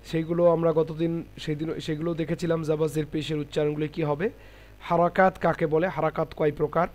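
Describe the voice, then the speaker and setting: A man with a fairly high voice teaches a Quran reading class over a video call. He speaks slowly and carefully, demonstrating each Arabic letter sound and repeating it several times. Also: little pitch movement, darkish tone. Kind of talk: online class lesson. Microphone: computer mic on a video call.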